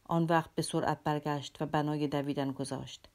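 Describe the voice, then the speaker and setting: A woman reads a classic novel aloud in a measured, dramatic way. Her voice sits very low for a woman, steady and unhurried. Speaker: audiobook narrator. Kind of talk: scripted literary narration.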